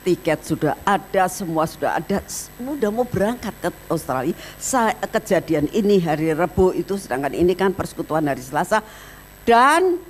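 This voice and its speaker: A woman pastor preaching a sermon as a lively story, acting out the quoted lines. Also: on the low side, moderate pace, a little hiss or hum, rough recording.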